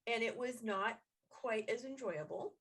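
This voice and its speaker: A woman hosting a casual chat with friends, telling animated stories about her family and acting out her child's voice. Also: a little high, unhurried, husky. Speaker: podcast host. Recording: quiet, distant mic.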